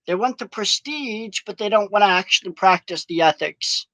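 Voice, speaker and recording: A man gives a rambling, profane vlog monologue outdoors in the wind. His voice sits high. The sound is dry and close. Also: normal speed, pushed and bright, dry recording, poor audio. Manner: profane, ranting.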